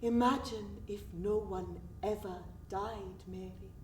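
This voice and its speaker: A woman's voice: high voice, lively intonation, unhurried, a little hiss or hum. A woman doing a coaxing Scottish girl. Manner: coaxing, confiding. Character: young Scottish girl, worldly, wistful, mischievous. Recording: roomy stage sound from afar.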